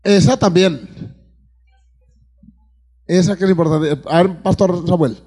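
Colombian pastor preaching, somewhat high voice. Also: male voice, slow, dark tone, husky. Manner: calls out to the congregation with frequent amens and questions; repeats words when searching for the next one. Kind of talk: preaching a sermon to a congregation. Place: church before a live congregation.

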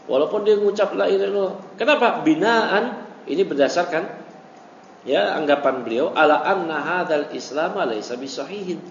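A man's voice: a little high, normal speed. A male religious teacher giving a study lecture, reading Arabic text and explaining it in casual speech, acting out quoted dialogue. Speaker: ustadz teaching a classical text. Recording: echoey hall, dull lo-fi audio, faint hiss.

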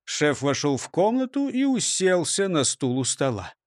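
A man's voice: fairly high pitch, normal speed, no room sound, clean studio sound. A man narrating a children's storybook, speaking directly to the listener. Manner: lively, talks to the listener.

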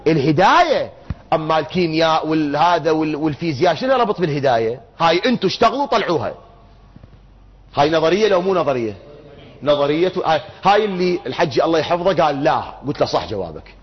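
Man, lecturing, lively pitch, husky voice, muffled lo-fi recording. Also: fast. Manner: animated, questions the audience and answers himself. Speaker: religious lecturer. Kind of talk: interactive religious lecture.

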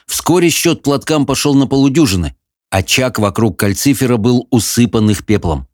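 A man giving expressive, measured audiobook narration of a fantasy novel. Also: mid-range voice, no room sound, clean studio sound.

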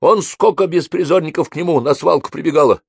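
A man voicing a loud, cocky grown son who mocks and jokes. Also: on the high side, fast, gravelly, slightly rough, dry recording, pitched above the performer's own voice. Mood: rowdy. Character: brash, boisterous grown son, joker.

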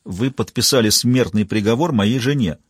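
A man's voice: mid-range voice, normal speed, slightly rough, no room sound, studio quality, lightly acted. A man voicing a desperate, enraged husband who speaks in a harsh, accusing way. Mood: angry.

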